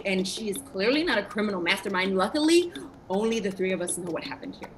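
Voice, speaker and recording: A woman's voice: mid-range voice, sing-song, fast talker, background noise, natural voice. An actress playing a bossy mother who takes charge and scolds swearing in a stage play. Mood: urgent. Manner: commanding, scolding.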